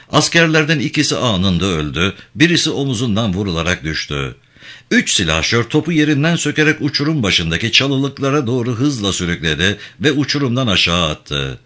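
A man narrating a novel in an expressive, dramatic audiobook reading. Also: on the low side.

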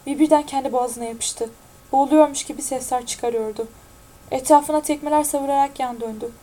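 Woman narrator, high voice, mellow tone, steady audiobook reading. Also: fairly quick, low-quality recording.

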